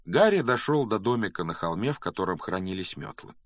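A man reading a children's novel aloud as an audiobook narrator, steady and measured. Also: low-pitched, dry recording, clean studio sound. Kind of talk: scripted narration.

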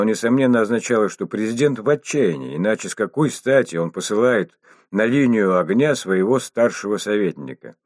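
Man reading a novel aloud, lowish voice, dead dry close recording. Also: no echo. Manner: steady, measured reading. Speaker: audiobook narrator. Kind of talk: scripted narration.

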